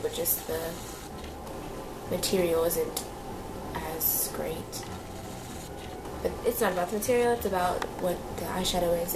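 This beauty vlogger is a young woman with a fairly low-pitched voice, made slightly nasal by a cold. She chats casually, full of fillers and repeats, as she reviews beauty products in a small room, with background noise around her.

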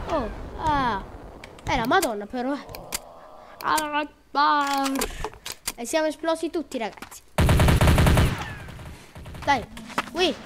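A high-voiced gamer narrating a shooter match in an unhurried, drawn-out way, swinging from playful yelling to hushed whispers. Loud gunfire and explosions from the game pound away behind the voice. The commentary is casual and full of jokes. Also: female voice, very noisy. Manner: excitable, jokey, shouting at the game and whispering when hiding. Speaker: gameplay video creator.

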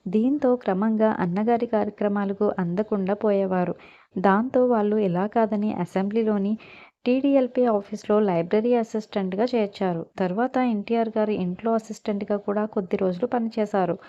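A woman with a Telugu accent narrating a scripted biography in a steady, even read-aloud delivery. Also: medium pitch, normal speed, muffled recording.

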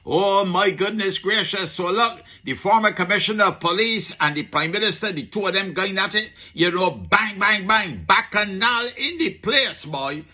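A man's voice: high-pitched, lively intonation, normal speed, hardly any pauses, sharp tone, husky. A middle-aged man with a Barbadian accent giving chatty comic commentary in a market vendor persona, full of rhetorical questions and dialect asides.

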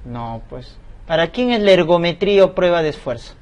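A man leads a lecture through medical exam questions. He asks a question, pauses, then answers it himself in an explanatory teaching manner. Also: on the high side, lively intonation, a little mellow.

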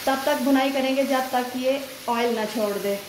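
High-voiced woman narrating a cooking tutorial. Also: moderate pace, reverberant, background noise. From Pakistan. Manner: steady step-by-step instructions. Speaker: cooking channel host.

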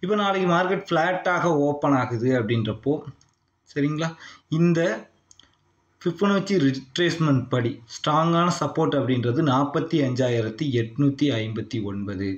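A man's voice: a little high, normal speed. Man, Tamil accent, trading lesson voice-over, explanatory, reads out price figures, checks in with the listener, echoey room, muffled sound. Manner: reads out long price figures in a steady list. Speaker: stock market trading teacher. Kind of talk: screen-recorded chart lesson. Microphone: voice-over on a screen recording.

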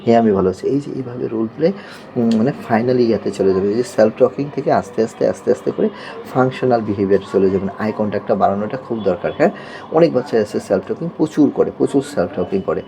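A man's voice: lowish voice, vocal fry, warm tone, a little hiss or hum. A man, an occupational therapist patiently explaining techniques to parents and checking they follow. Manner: patient, repeats "yes" and checks "okay?".

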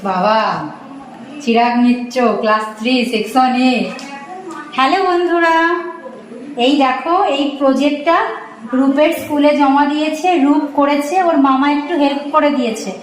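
High-voiced chatty woman, echoey room. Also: steady tone, normal speed. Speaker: family vlogger, young mother. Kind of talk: casual family chat, addressing viewers.

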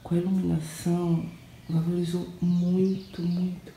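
Home vlogger, Brazilian woman, low-pitched and dark, murmuring with excitement; echoey room, faint hiss. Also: a little slow. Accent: Brazilian Portuguese. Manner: hushed, gushing, repeats words for emphasis. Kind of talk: casual home vlog. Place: home kitchen early morning.

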